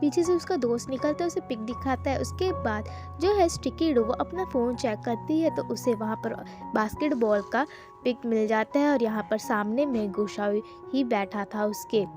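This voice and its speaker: Over background music, a woman with a slightly high voice and moderate pace recaps a drama episode's plot in a chatty, loose way with lots of fillers.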